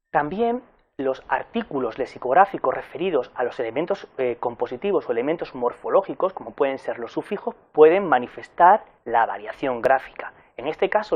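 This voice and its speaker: A man giving a recorded university lecture in an explanatory way, pausing with fillers and correcting himself as he goes. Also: on the high side, highs cut off.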